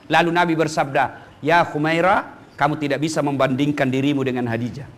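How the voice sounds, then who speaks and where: Male preacher, middle-aged, high-pitched, comic sermon with acted-out asides and loud punchlines. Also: fairly even intonation, a little fast. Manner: playful, mimics wives and husbands, swings between loud punchlines and low asides. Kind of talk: humorous sermon to women's study group.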